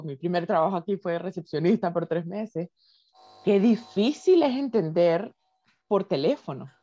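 A Venezuelan woman in casual conversation, telling stories in an animated way and laughing often. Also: lowish voice, no echo, lo-fi sound.

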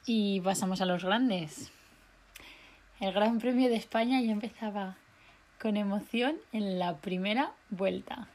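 A young woman from co-hosting a podcast, chatty and excitable with frequent laughs. Her voice sits at an ordinary middle pitch, and she speaks. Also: a little slow. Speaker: podcast co-host. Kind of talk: casual chat.

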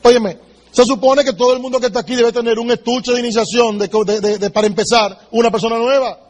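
High-pitched guy rattling off a sales pep talk fast, blunt, keeps saying listen to me. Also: steady tone. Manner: direct and emphatic, addresses the listener, acts out sales dialogues. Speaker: business seminar speaker. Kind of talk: motivational sales training talk.

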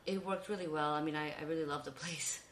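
A woman in her thirties talks in a fairly low voice, full of ums and quick self-corrections. Her voice rings in a roomy, echoey space. She is a guest in a relaxed podcast chat. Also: slight background noise. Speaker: interview guest. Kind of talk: casual conversation. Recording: roomy echo.

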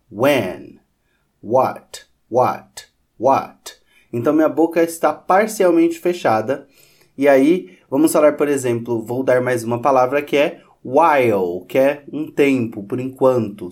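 A Portuguese-speaking man teaches English pronunciation. He speaks at a middling pitch and takes his time, saying each example word two or three times so the listener can hear it clearly. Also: slow pace, a little mellow. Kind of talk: language lesson.

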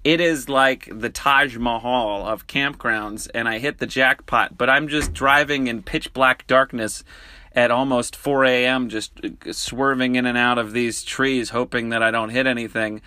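A young man casually telling a road-trip story, animated and swearing, his voice jumping high when exasperated. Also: measured pace. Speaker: vlogger.

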